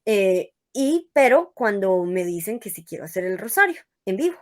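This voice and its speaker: A young woman speaks as an interview guest, telling a personal faith testimony in a relaxed, everyday manner. Her voice sits at a middle pitch. She tells it as a lively story and acts out what she once said to herself and to others. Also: normal speed.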